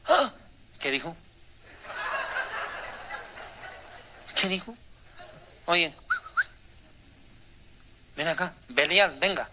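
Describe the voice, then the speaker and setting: A preacher putting on a sneering, gossipy devil. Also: male voice, on the high side, expressive, slow, pushed and bright, a little hiss or hum, voice pushed down, exaggerated voice. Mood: low muttering. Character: scheming mocking male devil.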